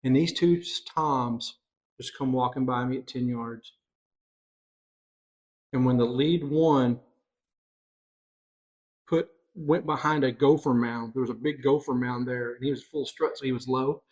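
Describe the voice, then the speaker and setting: A middle-aged man hosting a podcast, telling a hunting story in casual chat, excitable and animated. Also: mid-range voice, measured pace, pauses often, lo-fi sound. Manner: excitable, animated storyteller, voices others in quotes. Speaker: podcast host.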